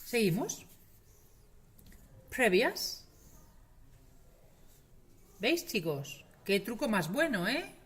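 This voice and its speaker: A woman teaching pronunciation, speaking slowly and stretching out each example word so learners can repeat it. Her pitch swings widely, rising and falling through every sentence. She delivers the lesson straight to camera. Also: sing-song. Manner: slow, drawn-out model pronunciations, repeating words for learners. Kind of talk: classroom-style lesson to camera.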